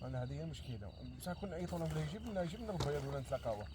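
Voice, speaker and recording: A man's voice: fairly high pitch, big pitch swings, very fast. A young Algerian man chatting casually with friends outdoors at a campsite. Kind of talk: casual chat among friends. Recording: noisy outdoor camping recording.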